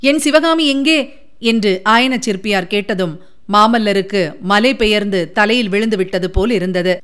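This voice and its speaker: Clear-voiced woman reading a novel aloud. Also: mid-range voice, steady tone, normal speed, fairly bright tone. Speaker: audiobook narrator. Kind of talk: scripted narration of a historical novel.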